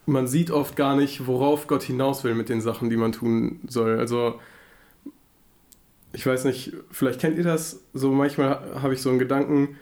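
A man's voice: mid-range voice, steady tone, normal speed, a little mellow. Reflective man thinking aloud. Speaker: podcast co-host.

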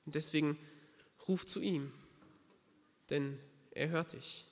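A man's voice: a little high, fairly even intonation, slow pace, long reverb tail. A man preaching a sermon, earnest and emphatic, speaking directly to the listener.

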